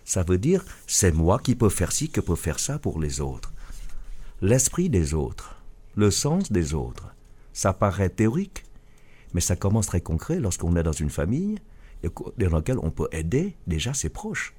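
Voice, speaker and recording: Earnest man with a low husky voice. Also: wildly swooping pitch, warm tone. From Vietnam. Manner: earnest, halting with restarts. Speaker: author and business leader. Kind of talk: radio interview answer.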